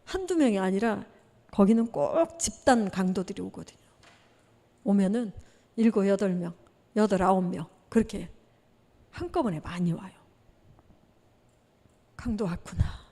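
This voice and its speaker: A woman missionary preaching a testimony sermon, telling her story in an animated way and acting out the dialogue. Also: medium pitch, moderate pace, pauses often. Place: church sanctuary. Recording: long reverb of a church hall.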